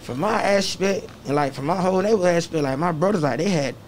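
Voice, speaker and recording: Man, rapper guest, rambling, quick talk, faint room noise. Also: high-pitched. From Atlanta, Georgia, United States. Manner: rambling, fillers, keeps asking "you feel what I'm saying". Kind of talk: casual interview chat.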